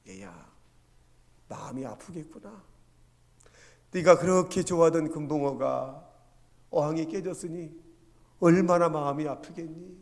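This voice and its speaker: A man voicing a gentle old grandmother who tenderly comforts a crying child. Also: a little high, fairly even intonation, moderate pace, long reverb tail, close to an everyday voice. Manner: soft, tender, consoling.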